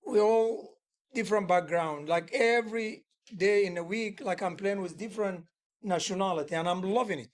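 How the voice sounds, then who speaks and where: The speaker is a male musician who also teaches music, chatting at a moderate pace in a high-pitched voice at an informal workshop. Earnest and prone to rambling, he restarts his sentences a lot and doesn't worry much about grammar.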